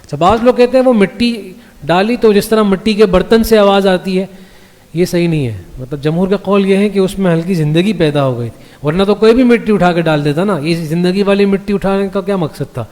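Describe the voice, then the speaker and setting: A man teaching a class on the Quran in a mosque. He reads each verse slowly, explains it, and keeps checking that his listeners follow. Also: high-pitched, darkish tone. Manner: recites the Arabic verses slowly before translating them. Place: mosque hall. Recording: long reverb of a mosque hall.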